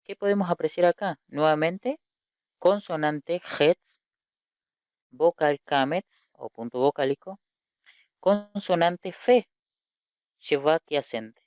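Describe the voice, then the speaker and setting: A male teacher gives an online lecture at an unhurried, measured pace, repeating key terms and putting rhetorical questions to his students. His voice is smooth and clear. The sound is dry and close, with a slightly muffled, lo-fi quality. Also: fairly high pitch, a little mellow, no echo. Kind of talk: online lecture explaining slides.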